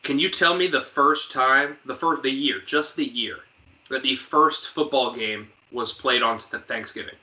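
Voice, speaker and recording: Man cohosting a sports podcast, bright voice, quizzes his buddy and cracks jokes. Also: medium pitch, highs cut off. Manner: quizzing, joking, quick asides. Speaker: podcast co-host. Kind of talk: casual sports chat.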